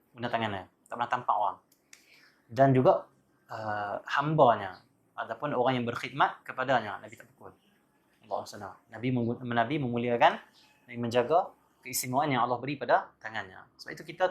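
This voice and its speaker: A man's voice: mid-range voice, quick pace. A man giving a religious lecture, telling stories animatedly and breaking in with devotional exclamations. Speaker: religious teacher.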